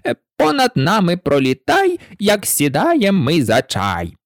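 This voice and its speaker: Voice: medium pitch, normal speed, no room sound, voice pushed up. An eccentric, mournful hatter from a storybook, played by a reader who raises the voice noticeably. His speech swings widely up and down and keeps stumbling over hesitations as he rambles on. The reading is close and dry. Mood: rambling. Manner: rambling and excitable, with frequent hesitations.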